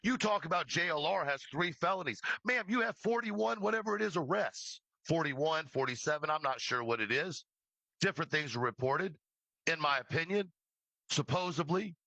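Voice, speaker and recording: In a rough recording with no echo, a man's fairly high, creaky, sharp-toned voice rants with animation at a moderate pace. He makes true crime livestreams and is passionately scolding an absent person, swearing freely and driving home repeated phrases.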